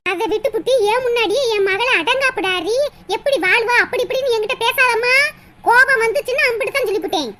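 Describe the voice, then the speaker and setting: A voice actor playing a proud, wealthy village mother in a cartoon comedy, scolding in a shrill, rapid way. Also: a loud crowd. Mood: indignant.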